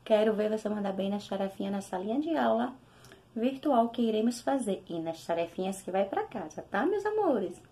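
A young Brazilian woman teaching a recorded lesson to small children, drawing out syllables in a slow sing-song way. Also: mid-range voice, very animated, dark tone. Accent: Brazilian Portuguese. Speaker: primary school teacher.

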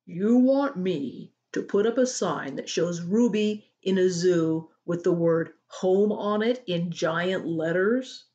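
A woman's voice: fairly low pitch, takes it slowly, few pauses, mellow, highs cut off. A woman voicing a reluctant, cautious, weary father in a storybook, firm and doubtful.

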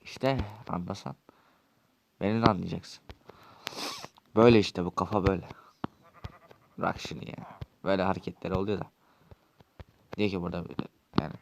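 Gravelly low-voiced man in noisy game role-play. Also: steady tone, brisk, long pauses. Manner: quarrelsome, swearing. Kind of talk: Minecraft role-play dialogue.

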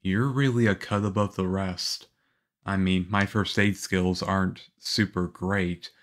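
Man acting as Leon Kennedy, low, unhurried young agent. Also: steady tone, fairly bright tone. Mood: teasing, friendly. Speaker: audio roleplay voice actor. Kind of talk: ASMR roleplay acting.

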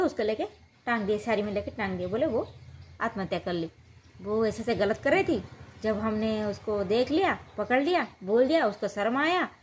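A woman's voice: on the high side, husky. A woman telling a true-life story in a casual, rambling way. She uses lots of fillers and keeps asking "what happened next" as she goes.

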